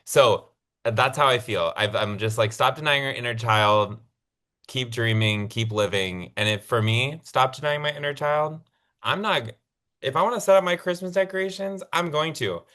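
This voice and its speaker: A man co-hosting a casual podcast, chatty and excitable, with plenty of fillers. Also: medium pitch, moderate pace. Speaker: podcast co-host. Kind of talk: casual chat.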